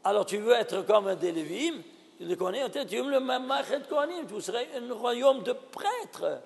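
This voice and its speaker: Rabbi teaching a class: very high, husky voice, emphatic, keeps quizzing the room. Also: male voice, very animated, moderate pace, big-room sound. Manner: emphatic, fires rhetorical questions at listeners. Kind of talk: recorded Torah lesson.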